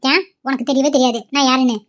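A woman's voice: sits high, fairly even intonation, quick pace, lightly acted. Woman doing a scolding pushy mother. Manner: harsh, scolding. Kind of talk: cartoon voice acting.

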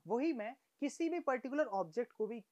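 A male science teacher giving a demonstration lesson. He talks straight to the viewer in a lively, coaxing way, asking questions and answering them himself. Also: very high-pitched, brisk, dull audio. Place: room he darkens and lights for the demonstration.

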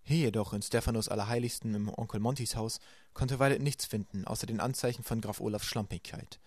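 A man reading a children's novel aloud as a homemade audiobook, in brisk, even storytelling. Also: on the low side, dry recording, studio quality. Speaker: audiobook narrator.

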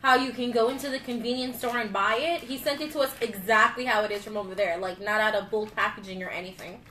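Young woman host, blunt and swearing, fairly high voice, recorded off-mic in an echoey room. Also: quick pace, bright, forceful tone, distant mic. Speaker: host reviewing candy. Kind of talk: casual live-stream chat. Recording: echoey room, a bit off-mic, faint noise.

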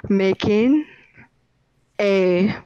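A woman's voice: medium pitch, very slow, dark tone, clear, resonant tone, highs cut off. Woman on a crackly, cutting-out mic. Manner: repeats questions in broken fragments. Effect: microphone cutting out in a crackly way. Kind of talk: casual gaming voice chat.

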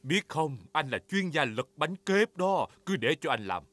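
A woman's voice: low voice, lively intonation, unhurried, fairly bright tone, no room sound, full character voice. A woman voicing a jolly, boastful, clumsy father pig in a cartoon, cheerful and self-assured.

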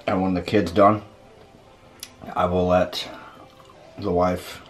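A man's voice: sits low, flat delivery, slow, soft background music. A young man hosting a casual food vlog from his home kitchen, laid-back and rambling as he tastes and rates. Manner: laid-back, rambling, tasting between remarks. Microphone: camera mic, webcam framing.

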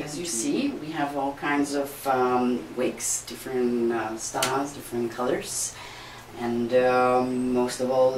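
A woman from the Czech Republic, a volunteer, speaking hesitantly with many fillers in an interview. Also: rumbling low. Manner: hesitant, many ums and uhs. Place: wig room indoors. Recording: echoey room with background noise.

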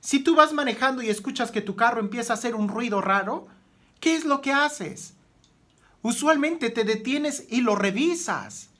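Earnest priest preaching a homily. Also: male voice. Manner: earnest, rhetorical questions, swings between raised emphasis and soft low phrases. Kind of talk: daily gospel homily.

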